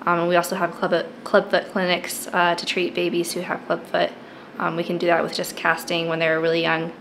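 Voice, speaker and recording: An American woman in her twenties, a charity coordinator, explaining her work in a relaxed way with frequent ums. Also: fairly low pitch, fairly quick, a little hiss or hum, poor audio. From United States. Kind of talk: casual explanatory talk.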